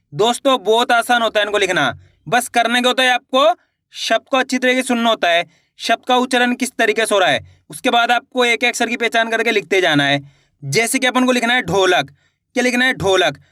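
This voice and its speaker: A man teaching reading, sounding out each syllable slowly and then blending them into words, often repeating and asking the learner questions. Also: very high-pitched, bright, forceful tone, dry recording, studio quality. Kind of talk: slow spelled-out reading lesson.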